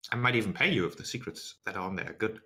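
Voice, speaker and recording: A man's voice: on the low side, racing, pushed and bright. A man voicing a shifty alien informant in a tabletop game, bargaining, stammering and easily indignant. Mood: cagey bargaining. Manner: stammering, repeats words.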